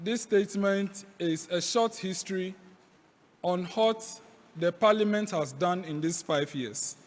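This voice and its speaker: A man's voice: high-pitched, measured pace. A man with a Ghanaian accent makes formal podium announcements as master of ceremonies in a large hall. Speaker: master of ceremonies at a youth parliament sitting. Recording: echoey hall, long reverb.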